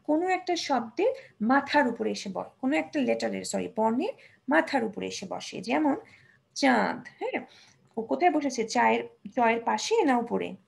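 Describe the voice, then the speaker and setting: High, gravelly-voiced woman teaching Bangla. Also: very animated. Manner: patient, models words slowly, mixes in English terms. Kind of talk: children's language lesson.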